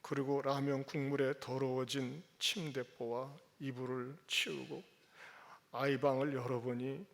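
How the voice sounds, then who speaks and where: A man's voice: medium pitch, measured pace. A male pastor preaching a Sunday sermon, addressing the congregation directly and reading a story aloud. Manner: animated, teasing the congregation, reads a story aloud.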